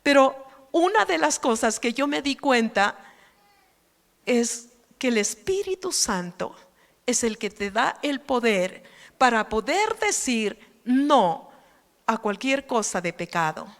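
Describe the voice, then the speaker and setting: A woman's voice: a little high, big pitch swings, slow pace. A woman pastor from Ecuador preaching a sermon, telling her testimony earnestly and rising to fervent appeals. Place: church hall. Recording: long church reverb.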